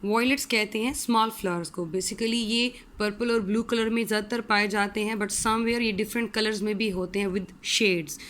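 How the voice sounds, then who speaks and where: A woman teacher explaining an English poem, reading each line slowly and then explaining it in Hindi, often asking the students a question and answering it herself. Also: medium pitch, steady tone, a bit bright. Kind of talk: recorded poetry lesson, line-by-line explanation.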